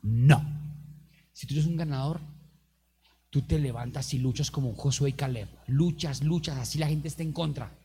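A man preaching an energetic sermon, acting out quotes and calling on the congregation to respond. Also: medium pitch, moderate pace, slight background noise. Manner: animated preaching with acted-out quotes and calls to the congregation. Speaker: youth pastor.

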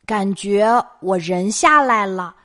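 This middle-aged storyteller, accented in Mainland Chinese Mandarin, turns childhood memories into bedtime stories, told conversationally. Her mid-range voice is expressive, bright, and forceful, and she takes it slowly.

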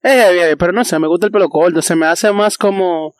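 Fast-talking high-voiced man. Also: dry recording. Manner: rapid, joking, repeats words. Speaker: podcast co-host. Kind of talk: casual chat.

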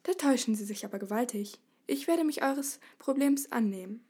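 A woman playing a small, round knight in a storybook, calm and unshakably confident. He is cheerful, self-assured and a little high-voiced. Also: brisk, husky.

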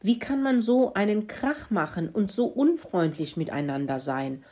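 Woman voicing a wise stern tomcat, lecturing, lively melody, storybook. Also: mid-range voice, unhurried, voice pushed up. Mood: scolding.

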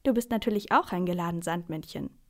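A woman voicing a grumpy grown man on a train in a storybook reading, with a mumbling, gruff manner. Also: on the low side, fast talker, darkish tone, natural voice. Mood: friendly.

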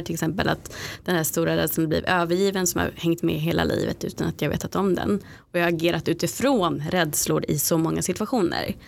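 Low, gravelly reflective woman. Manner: reflective, personal, searches for words. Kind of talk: casual podcast chat.

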